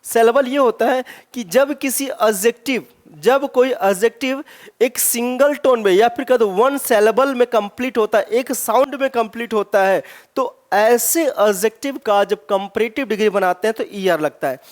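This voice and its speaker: Speaking in a very high voice, a man teaches an English grammar lesson aimed at exam prep. Rhetorical questions come often, and he draws out his example words slowly with stress.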